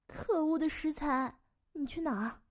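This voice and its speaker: A woman's voice: high voice, measured pace, voice pushed up. A woman voicing a flighty, hot-tempered witch who sulks and snaps. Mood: cross.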